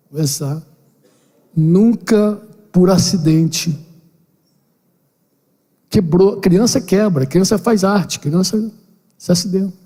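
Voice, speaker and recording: An older man, a pastor, giving a lively conversational sermon to a seminar, acting out little dialogues with playful slang. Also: sits high, breathy edge. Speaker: pastor leading a parenting seminar. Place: church building hall. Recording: long hall reverb.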